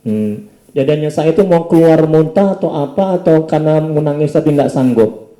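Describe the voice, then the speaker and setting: A man, an Islamic preacher, gently questioning a patient after a healing session, often ending his questions with a tag asking for agreement. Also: a little high, animated, normal speed, echoey room, poor audio.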